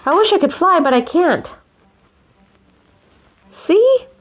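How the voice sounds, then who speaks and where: Woman voicing a grumbly little penguin for a storybook, whiny and sighing, bouncy high pitch. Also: very animated, slow pace, a little hiss or hum, full character voice. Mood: grumbling. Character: grumpy complaining young penguin.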